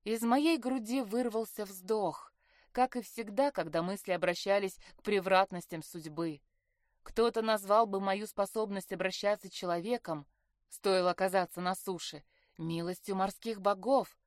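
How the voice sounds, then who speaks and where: A woman narrating a fantasy audiobook in a measured, even storytelling manner, recorded in a studio. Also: mid-range voice, dry recording. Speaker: audiobook reader. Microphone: studio mic.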